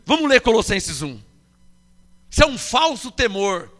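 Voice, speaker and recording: A man's voice: very high-pitched, very animated, a little slow, a bit bright, big-room sound. A man with a Brazilian Portuguese accent preaching a sermon, emphatic, questioning the congregation and acting out quoted voices. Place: church hall.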